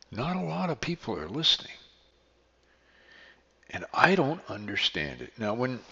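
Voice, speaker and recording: A middle-aged or older man hosting a podcast alone, talking casually and earnestly in a halting way. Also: fairly low pitch, pushed and bright, husky. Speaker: podcast host, beekeeper. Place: echoey makeshift indoor studio. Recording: echoey hall-like studio, dull sound.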